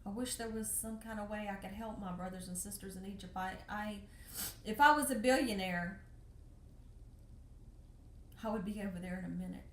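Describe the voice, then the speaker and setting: A woman's voice: mid-range voice, moderate pace, pauses often, roomy sound, slight background noise. Impassioned, emotional American woman. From United States. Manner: impassioned, pleading, repeats phrases. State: tearful, emotional. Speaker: vlogger. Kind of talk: emotional personal monologue.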